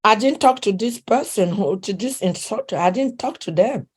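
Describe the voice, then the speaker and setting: Speaking at medium pitch and normal speed with a breathy edge, a female relationship coach answers interview questions in accented English. She comes across as earnest, restarting sentences often and punctuating them with soft laughter.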